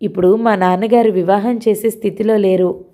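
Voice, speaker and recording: Woman doing a young village daughter, soft earnest pleading, mellow voice, audio novel. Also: mid-range voice, fairly even intonation, fairly quick, natural voice.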